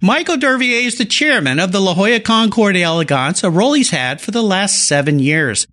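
A man's voice: high-pitched, animated, a little fast, bright, forceful tone. A man from California hosting a casual interview, enthusiastic and full of playful car puns. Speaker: podcast host.

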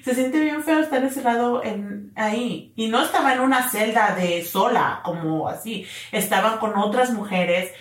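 A woman's voice: on the high side, normal speed, few pauses, recorded from a distance. A woman casually telling a personal story on a podcast. She laughs often, acts out what people said, and drops in English words. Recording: roomy sound, voice a little off mic.

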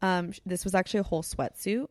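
A woman talking in a casual chat, emotional and halting, with many fillers, close to tears. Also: on the low side, no room sound. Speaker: podcast guest.

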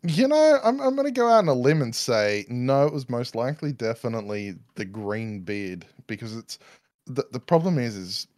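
A man's voice: mid-range voice, sing-song, moderate pace, a little mellow, no echo, clean studio sound. A man with a mild Australian accent, co-hosting a podcast in casual chat over a call, rambling and cutting himself off as he tells stories. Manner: rambling, self-interrupting storyteller. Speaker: podcast co-host.

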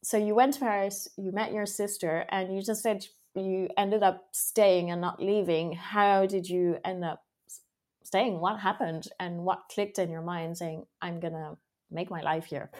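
A woman's voice: fairly low pitch, steady tone, unhurried, a little mellow. A woman hosting a podcast, introducing and questioning a guest in a conversational way. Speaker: podcast host.

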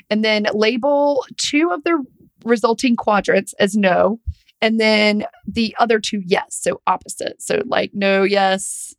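Joking, swearing woman podcaster. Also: mid-range voice. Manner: swears freely, reads notes aloud with a laugh. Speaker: podcast co-host. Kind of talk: casual chat.

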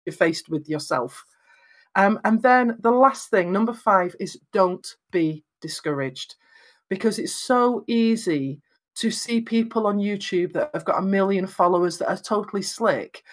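A guest offering advice on presenting on camera speaks with a Lancashire accent from northwest England, using flat vowels at a medium pitch. Her conversational delivery is emphatic and encouraging, and she acts out little quotes as she goes.

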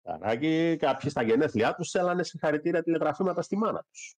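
A man co-hosting a casual wrestling chat, chiming in with brief, dry remarks. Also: on the high side. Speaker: co-host.

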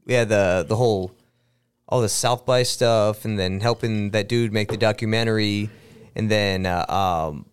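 A man's voice: lowish voice, moderate pace, clear, resonant tone. A man in his thirties hosting a podcast, chatting in a rambling way and laughing often. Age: 30s. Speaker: podcast host. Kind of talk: casual chat.

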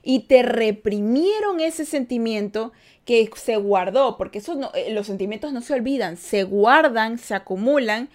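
A woman's voice: on the high side, lively intonation, unhurried, hardly any pauses, a little mellow. A young woman hosting a casual podcast, chatting with listeners and acting out quoted parents. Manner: conversational, reads listener comments, acts out quoted parents. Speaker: podcast host.

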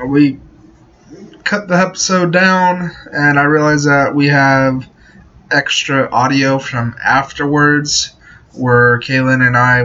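A man giving a casual, hesitant off-the-cuff intro as a podcast host, recorded in low quality on a laptop microphone. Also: fairly bright tone, dull audio. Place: at work. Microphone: built-in laptop microphone.

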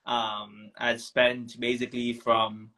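Speaking slowly with little pitch movement, the young Tanzanian man has a mid-range, pushed, bright voice captured on a low-quality recording. He's a founder in a casual interview, musing with plenty of ums and restarts.

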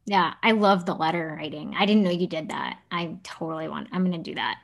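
A woman's voice: fairly low pitch, brisk, creaky. A woman in her thirties, a podcast co-host who talks in an earnest, open and casual way, now and then swearing. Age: 30s.

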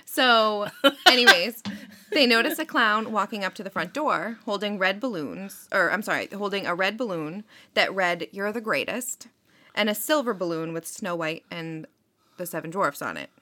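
A woman's voice: mid-range voice, moderate pace, bright, forceful tone. A woman hosting a podcast, telling a true-crime story in a casual, chatty way, with many fillers. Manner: chatty, filler-heavy, frequent "like" and "um". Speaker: podcast host.

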